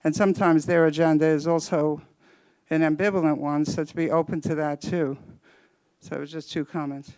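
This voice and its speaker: A man psychotherapist commenting on a panel, thoughtful and measured, slightly out of breath. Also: fairly high pitch, fairly even intonation, darkish tone, clean tone, dry recording, poor audio. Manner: thoughtful, measured, cites theory.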